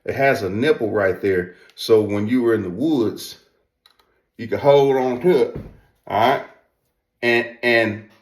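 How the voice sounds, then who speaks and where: A man giving a casual product demonstration in an emphatic, folksy way, often repeating his phrases. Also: mid-range voice. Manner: emphatic, repetitive, folksy informal talk. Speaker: presenter reviewing duck calls. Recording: roomy echo.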